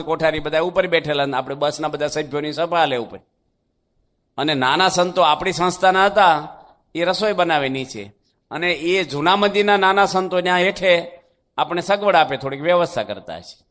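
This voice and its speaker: A man's voice: on the high side, a bit bright. A man, a monk preacher, giving a devotional sermon in a folksy, conversational storytelling manner with rhetorical questions.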